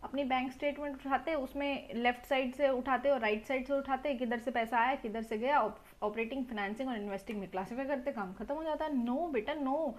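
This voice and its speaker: A young woman teaching a quick revision lecture, talking fast and asking her students lots of rhetorical questions, recorded on a mobile phone. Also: sits high. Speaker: accounts teacher. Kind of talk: quick revision lecture mixing Hindi and English.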